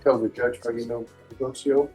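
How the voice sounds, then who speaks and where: A man's voice: medium pitch, little pitch movement, brisk, mellow, soft background music. A man questioning a witness in court as a lawyer, hesitant with many fillers, heard in a courtroom recording. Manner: hesitant, many ums and uhs. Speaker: defense lawyer. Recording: dull lo-fi courtroom audio.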